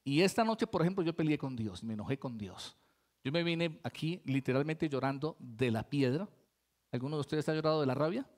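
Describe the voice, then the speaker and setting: A man with a rather high voice delivers a sermon to his congregation. He talks in a relaxed, conversational way, tossing frequent rhetorical questions to the listeners between his points. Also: brisk. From Colombia. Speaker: pastor.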